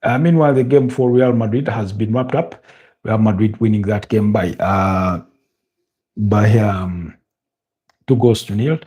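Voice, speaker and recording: Guy from africa doing a football watch along, mellow voice, chatting through scores and news, kinda halting and repeating himself. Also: lowish voice. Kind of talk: live football commentary and casual news chat.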